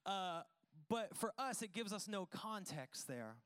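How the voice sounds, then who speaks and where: Speaking a little slowly and with plenty of animation, a pastor preaches a casual, joking, self-deprecating sermon to his congregation at a church service. His voice is high, smooth, and fairly bright.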